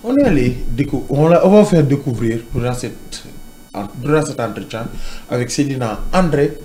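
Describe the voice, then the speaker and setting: A man with a Senegalese accent hosting a video interview, lively and mixing in Wolof greetings. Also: medium pitch, moderate pace, slight background noise. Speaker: interviewer host.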